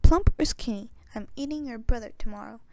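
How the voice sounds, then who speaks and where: Vrouw die speelt een kwaadaardige oude heks. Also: female voice, fairly high pitch, a little fast, warm tone, slight background noise, lightly acted. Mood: bossy, impatient. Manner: croaking, scolding. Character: wicked old witch, greedy and bossy.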